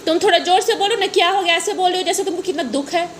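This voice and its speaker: Very high-pitched woman telling a playful story. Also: fast. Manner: sing-song, teasing, repeats phrases, laughs while talking. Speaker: vlogger telling a story to her pet parrots. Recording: noisy home recording.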